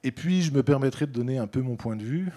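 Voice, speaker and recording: Middle-aged male speaker, warm low-key tone, conference talk full of hesitations. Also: expressive, quick pace. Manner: hesitant, many fillers and restarts, addresses audience and colleagues. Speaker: director of an addiction care organisation, conference speaker.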